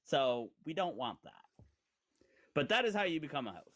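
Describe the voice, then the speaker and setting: A podcast host from Indiana in his forties rambles through a casual live-stream chat, full of fillers and teasing asides. His voice is a little high and sing-song, with a fairly bright tone and moderate pace.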